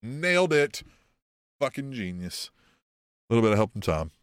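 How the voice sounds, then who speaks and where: Low-voiced cursing podcast host. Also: male voice, animated, brisk, clear, resonant tone, no room sound, clean studio sound. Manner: profane, rambling, sardonic. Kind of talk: casual chat.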